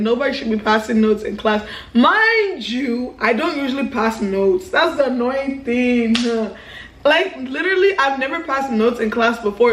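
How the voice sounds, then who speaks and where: A young woman from a Nigerian family tells a lively, animated storytime vlog in a high voice, acting out quotes with exclamations. The recording has a roomy echo.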